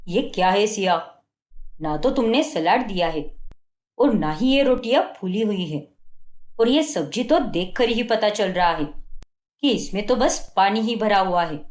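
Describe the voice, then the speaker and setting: A woman's voice: mid-range voice, animated, a little slow, a little mellow, close to an everyday voice. Scornful young husband, voiced by a woman. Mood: scolding. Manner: scolding, belittling. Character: fault-finding young husband, harsh and scornful. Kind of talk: cartoon story voice acting. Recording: echoey room.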